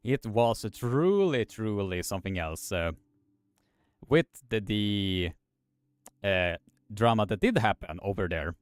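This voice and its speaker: A man's voice: on the low side, lively intonation, slow, pauses often, clean tone, no room sound, clean studio sound. A man hosting a live stream, reading chat comments aloud in a hesitant way, with many filler sounds.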